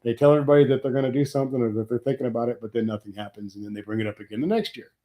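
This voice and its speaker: This middle-aged livestream host from Nebraska talks very fast in a mellow, medium-pitched voice with a steady tone. Sniffly from a cold, he rambles through a live chat with his viewers, wryly complaining about taxes.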